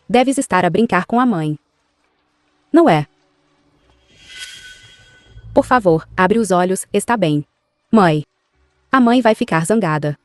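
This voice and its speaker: Uma atriz de dublagem com sotaque português europeu dando voz a uma mãe nobre e feroz, acusadora e suplicante. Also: female voice, medium pitch, darkish tone. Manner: accusing, then desperate pleading. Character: grieving mother, noble general's wife, fierce. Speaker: dubbing actress.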